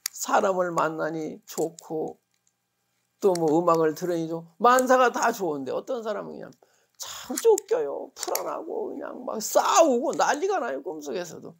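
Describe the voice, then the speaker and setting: A man's voice: high-pitched, creaky, a little hiss or hum. A male Buddhist monk giving a dharma talk, telling it vividly with rhetorical questions and acted-out quotes. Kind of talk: sermon.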